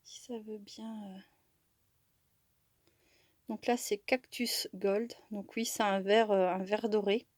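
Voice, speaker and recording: A woman's voice: medium pitch, steady tone, slow, long pauses, darkish tone. A woman chatting casually through a craft supply haul, hesitant, with many fillers and restarts. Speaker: crafting vlogger. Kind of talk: casual product haul chat.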